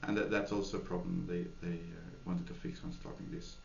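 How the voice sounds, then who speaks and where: Deep, gravelly and brisk, the voice of this Swedish interviewee stays fairly flat in pitch. A software developer, he answers questions haltingly, restarting and filling pauses often. Faint noise and an echoey room give the recording a dull, lo-fi quality.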